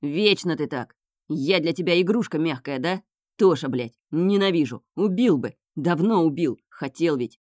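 A woman reading aloud voices an obsessive, menacing young man who snarls, swears and bursts into shouting. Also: low-pitched, animated, normal speed, no room sound, clean studio sound. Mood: raging.

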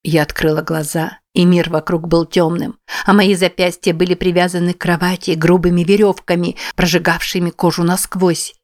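Low-voiced woman narrating an audiobook. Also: level tone, moderate pace, hardly any pauses, a little mellow. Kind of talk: first-person audiobook narration.

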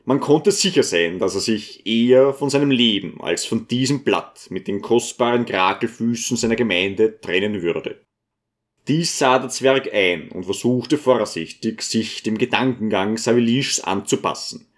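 Measured male audiobook narrator. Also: on the low side. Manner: calm, measured storytelling. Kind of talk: scripted narration.

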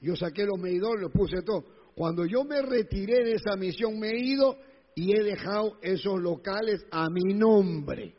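A man preaching a sermon, his voice high-pitched and a little husky. He hammers each point home by repeating his phrases. The recording is dull and lo-fi, with long church-hall reverb. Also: moderate pace. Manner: emphatic, repeats phrases, acts out quoted voices. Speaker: pastor.

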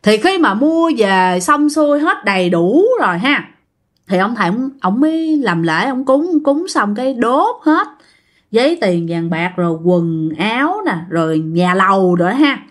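A woman's voice: medium pitch, big pitch swings, measured pace. A woman with a Southern Vietnamese accent telling a ghost story casually, chatting straight to her listeners.

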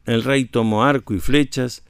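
A man narrating a folk tale for radio in a measured, low storytelling voice. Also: fairly even intonation, vocal fry, smooth, dry recording.

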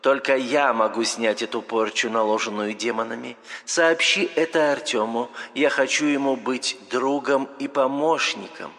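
A man voicing a calm warning goddess. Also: mid-range voice, moderate pace, creaky, hardly any pauses. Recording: long hall reverb.

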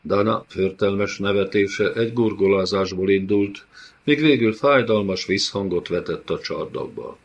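A man narrates a dark fantasy audiobook in a measured, dramatic way. His voice is low and husky. The lo-fi recording sounds dull and muffled.

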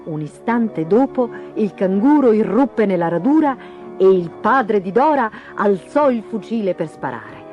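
A woman reading a children's fairy tale aloud in a lively, expressive way. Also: medium pitch, measured pace, highs cut off, faint music behind. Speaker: storyteller. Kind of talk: storybook reading.

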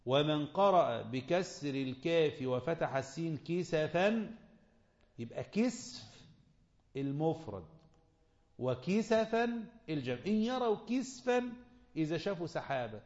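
Egyptian male religious teacher, slightly high voice, echoey muffled lo-fi recording. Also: animated. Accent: Egyptian Arabic. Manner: quizzes listeners, slows to recite verses. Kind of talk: Quran commentary lesson. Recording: echoey, dull lo-fi room recording.

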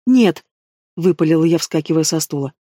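A man's voice: a little high, steady tone, fairly quick, darkish tone, dry recording, studio quality. Man narrating a fantasy audiobook. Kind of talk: scripted narration.

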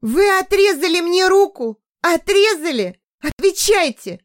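A woman's voice: medium pitch, animated, slow pace, a little mellow, dry recording, studio quality. A woman reading an audiobook, voicing a terrified young woman held captive who screams and pleads in hysterics. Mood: hysterical screaming. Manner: screaming, sobbing pleas.

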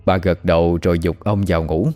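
A man narrating a horror story in a slow, dramatic storytelling voice. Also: sits low, fairly even intonation, darkish tone, no room sound, faint music behind.

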